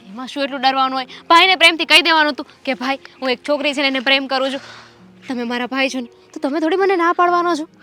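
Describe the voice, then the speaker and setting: Teasing young woman, high bright voice, quick-tongued, mock-indignant. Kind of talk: film dialogue.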